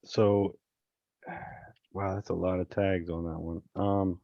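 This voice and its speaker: A man coaching on a casual screen-share call, chatty and relaxed, with many fillers and restarts. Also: low voice, slow, vocal fry, no room sound, muffled recording. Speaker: real estate investing coach. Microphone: video call.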